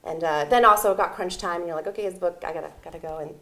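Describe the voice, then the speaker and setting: A young woman who narrates audiobooks chats as an interview guest, talkative and giggly, with many fillers. Her voice is on the low side, bright and forceful, and she talks rapid-fire.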